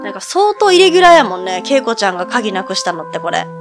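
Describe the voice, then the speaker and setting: A woman's voice: medium pitch, sing-song, fast talker, over music. Chatty Kansai woman streaming a game. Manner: chatty, talks to herself, laughs easily. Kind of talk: casual let's-play commentary.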